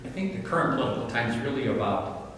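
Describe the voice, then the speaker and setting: A man's voice: medium pitch, very animated, fast, fairly bright tone. A man answering on a drag performers' panel in a reflective, conversational way. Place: large reverberant room. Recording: very echoey hall, distant mic, faint noise.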